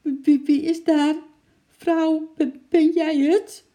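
A man voicing a sick, frightened older man in bed who calls out in a high, quavering, stammering voice. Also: level tone, slow, warm tone, heavily acted.

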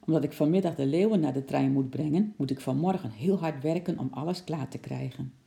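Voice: medium pitch, brisk, vocal fry, warm tone. A reader voicing a kindly, careful zookeeper in a storybook, with a friendly manner. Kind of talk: storybook reading.

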